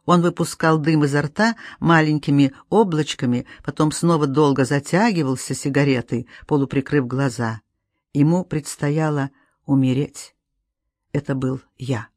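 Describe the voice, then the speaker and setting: A woman reading a novel aloud as an audiobook, calm and measured. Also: deep voice, dry recording, clean studio sound. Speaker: audiobook reader.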